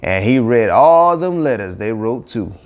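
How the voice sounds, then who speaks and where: Speaking at a measured pace in a medium-pitched voice, this man narrates a children's audiobook. He has a Cajun accent and leans into a folksy, colloquial, animated dialect.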